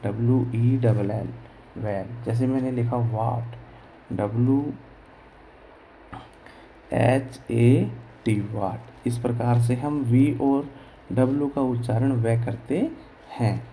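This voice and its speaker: A man's voice: medium pitch, steady tone, takes it slowly, pauses often, mellow, slight background noise, rough recording. A man teaching English pronunciation, spelling words letter by letter and answering his own questions as he explains. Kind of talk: slow classroom explanation in Hindi.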